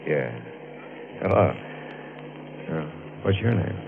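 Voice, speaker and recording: In a muffled old 1950s radio drama with music behind, an actor delivers first-person noir narration as an edgy, plain-spoken working-class man in his twenties. His voice is a rumbling low with vocal fry, slow and expressive, heavily acted, casual yet uneasy, over background noise.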